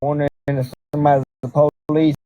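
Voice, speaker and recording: A man hosting a livestream in a relaxed, slangy voice, pitched a bit high with a mellow, dark tone. He sounds close and dry, with no room around him. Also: quick pace, no echo, muffled recording. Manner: laid-back, slangy, directing the chat. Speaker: livestream host. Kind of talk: casual livestream chat.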